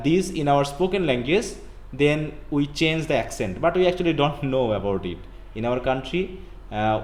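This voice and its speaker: A male English grammar teacher with a Bangladeshi accent, giving a live online class that mixes English and Bengali, with slow, halting English full of "uh" and "actually" and quicker Bengali asides. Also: fairly high pitch. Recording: echoey room.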